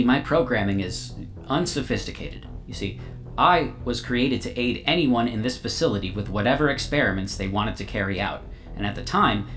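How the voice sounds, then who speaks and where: A man voicing a small, glowing male AI construct that speaks in a calm, formal, overly literal way. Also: medium pitch. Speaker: game master. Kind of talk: tabletop game role-play.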